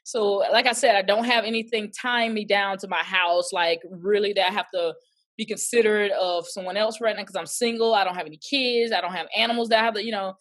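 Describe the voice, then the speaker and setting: A woman's voice: medium pitch, a little fast. A woman, an actress chatting as an interview guest and acting out quoted voices as she tells stories. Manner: lively storyteller who acts out quoted voices. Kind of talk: casual interview chat.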